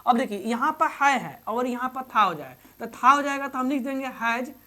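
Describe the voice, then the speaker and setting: A woman teaching English grammar in Hindi. She repeats each example slowly and quizzes the learners as she goes. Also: high-pitched, lively intonation, sharp tone. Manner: addresses learners fondly as "babu". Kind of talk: Hindi-medium classroom grammar lesson.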